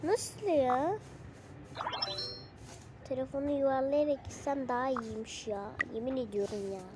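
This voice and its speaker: High-pitched girl rambling to viewers over phone games, lots of exclaiming, noisy background hum. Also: a little slow. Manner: exclaiming, thinking out loud, easily frustrated. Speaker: vlogger playing phone games. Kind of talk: casual gaming chatter to viewers.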